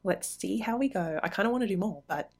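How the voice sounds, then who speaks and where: A woman's voice: medium pitch, animated, fast, vocal fry. A middle-aged woman hosting a solo podcast, talking in an earnest, encouraging, chatty way with light laughs. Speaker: podcast host.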